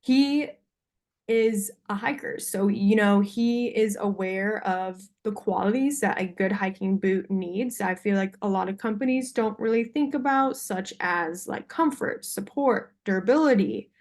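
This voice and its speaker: A young woman speaks as a salesperson on a video call, with a medium-pitched voice. Her delivery is informal and slightly hesitant, as she presents to a buyer. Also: measured pace, darkish tone. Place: video call with screen sharing.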